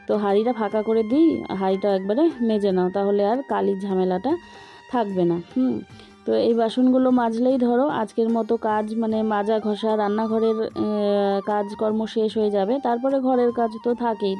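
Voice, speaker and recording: A middle-aged woman, talking viewers through her cooking step by step in a chatty voice-over. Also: medium pitch. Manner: talkative, explains each step to viewers. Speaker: vlogger. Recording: dull lo-fi voice-over with background music.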